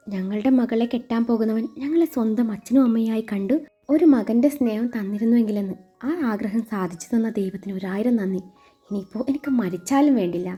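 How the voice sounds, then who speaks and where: A woman voicing an aging father who speaks in a slow, heartfelt way in a read-aloud story. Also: fairly high pitch, slightly rough. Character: aging father, emotional and grateful. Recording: muffled recording with soft music.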